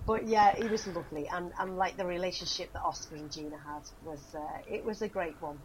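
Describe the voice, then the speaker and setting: A woman's voice: lowish voice, fast talker, hardly any pauses, a crowd in the background, low-quality recording. A middle-aged woman being interviewed, chatting and reminiscing with frequent laughs and fillers. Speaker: guest, actress. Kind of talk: casual chat, reminiscing.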